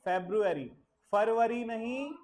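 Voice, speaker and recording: Slow, patient woman teacher drilling words. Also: on the high side, darkish tone, faint music behind, poor audio. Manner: drills pronunciation by patient repetition; mixes English phrases into Hindi. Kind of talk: classroom lesson. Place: village school classroom.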